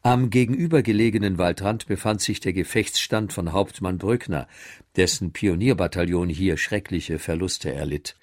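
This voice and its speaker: A man giving clear, informative scripted narration as an audio tour guide. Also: sits low, normal speed, dry recording, clean studio sound.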